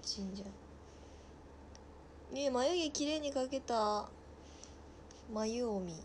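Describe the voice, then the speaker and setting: A woman in her twenties with a Nagasaki dialect, chatting casually on a livestream and reading viewers' comments aloud, often trailing off into soft mutters. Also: a little high, slow, a little hiss or hum. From Nagasaki, Japan. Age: 20s. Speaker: livestream host.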